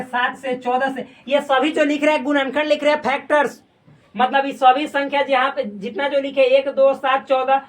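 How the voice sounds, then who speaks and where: A high-pitched woman teacher walks through a maths lesson, counting out numbers as she writes. She teases her students with slang and rhymes and keeps the tone light and joking. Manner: playful, teasing, rhyming asides and slang while explaining. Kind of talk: classroom lesson video.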